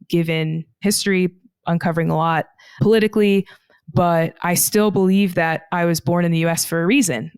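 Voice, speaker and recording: A Texan woman appearing as a podcast guest shares her travel experiences in an earnest, reflective manner, easing her pace on weighty moments. Her voice sits on the low side with a clean tone, and there is no room sound.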